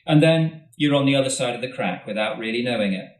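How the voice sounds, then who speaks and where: A male author reads a story aloud to a live audience at a literature festival, his mid-pitched voice measured and steady. The event hall is roomy, and the mic sits at a distance.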